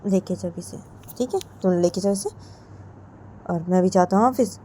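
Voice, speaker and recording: A woman's voice: lowish voice, normal speed, warm tone, a little hiss or hum, natural voice. A woman voicing a confident young woman who teases her partner in an easygoing, casual way. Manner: teasing, easygoing. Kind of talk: storybook narration.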